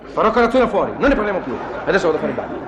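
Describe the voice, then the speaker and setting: An actor playing an exasperated, short-tempered young husband in a radio comedy sketch, blustering and prone to shrill outbursts. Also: male voice, very animated, very fast, a crowd in the background, background noise. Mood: fed up.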